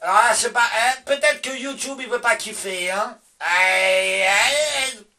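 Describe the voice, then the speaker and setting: A man's voice: very high-pitched, moderate pace, sharp tone. Belgian-accented male vlogger, mocking casual rant, distant from the mic. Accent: Belgian French. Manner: sarcastic, swears, talks back to himself in asides. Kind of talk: casual ranting monologue.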